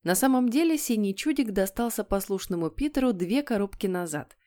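A woman narrating a children's audiobook in an expressive, lively way. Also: mid-range voice, a little fast. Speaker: audiobook reader.

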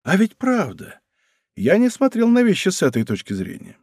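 A man voicing a bold, teasing musketeer captain who talks in a brisk, rough-affectionate way. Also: sits high, huge pitch swings, a little mellow, no room sound, clean studio sound, voice pushed up, exaggerated voice. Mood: bantering.

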